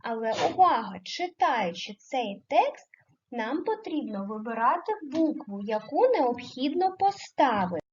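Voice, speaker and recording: Slow, lively-voiced woman teacher. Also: a little high, lo-fi sound, slight background noise. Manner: slow, deliberate, questioning children and affirming answers. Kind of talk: primary school grammar lesson.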